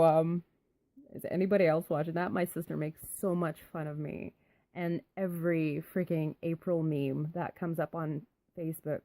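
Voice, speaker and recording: A woman's voice: sits low, creaky, mellow. A young adult woman rambling casually in a vlog, full of ums and likes. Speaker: vlogger.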